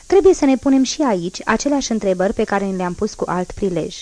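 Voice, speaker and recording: A woman's voice: medium pitch, lively intonation, a little mellow, poor audio. Woman narrating a classic novel solemnly. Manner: measured, solemn reading. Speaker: audiobook narrator. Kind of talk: scripted literary narration.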